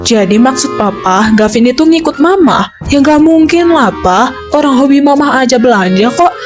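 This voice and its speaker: A woman's voice: sits high, animated, moderate pace, music in the background. Teasing mother in a dubbed drama. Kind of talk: amateur voice drama dub.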